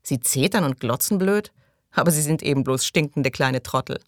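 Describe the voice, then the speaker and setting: A woman reading the lines of a coarse, sneering man in an audiobook, scornful and crude, her voice low and the sound dry. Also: moderate pace, no echo, lightly acted.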